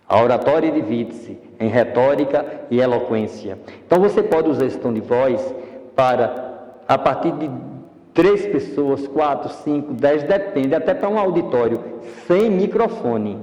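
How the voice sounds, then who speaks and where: Brazilian male speaking coach, explains patiently, dark relaxed voice, reverberant room. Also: medium pitch, highs cut off. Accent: Brazilian Portuguese. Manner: didactic, explanatory, demonstrates voice tones. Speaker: public speaking instructor. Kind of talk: instructional speaking course. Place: studio.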